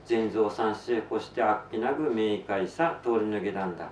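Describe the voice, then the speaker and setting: A man reciting a story theatrically in thick Tsugaru dialect, with drawn-out phrases and raised cries. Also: fairly low pitch, darkish tone. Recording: roomy, distant, noisy live recording.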